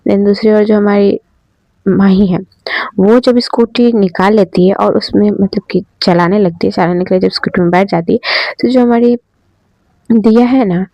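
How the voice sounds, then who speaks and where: A woman's voice: medium pitch, dark tone, no room sound, low-quality recording. A woman casually retelling a love story in a chatty way, addressing the listeners directly.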